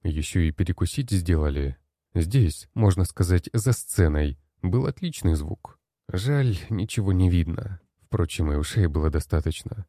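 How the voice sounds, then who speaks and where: A man narrating a first-person story in a steady, measured way. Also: sits low, no echo, studio quality. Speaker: audiobook narrator.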